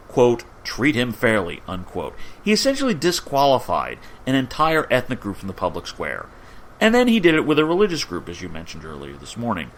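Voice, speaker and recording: A man co-hosting a podcast, making his points in emphatic, argumentative casual talk. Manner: emphatic, argumentative, lively swings in pitch. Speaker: podcast co-host. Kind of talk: casual political discussion.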